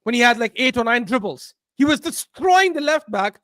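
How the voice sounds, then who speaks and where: A man's voice: very high-pitched, moderate pace, no echo, studio quality. A young British man co-hosting a casual football podcast, arguing his point emphatically with lots of "like". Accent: British English. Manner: animated, emphatic, argues with repeated "like". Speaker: podcast co-host.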